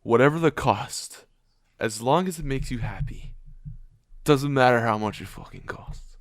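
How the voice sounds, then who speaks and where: A man's voice: mid-range voice, lively intonation, unhurried, no echo. A young man co-hosting a podcast, rambling, swearing freely and acting out his friends' voices. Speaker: podcast co-host. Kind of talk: casual chat.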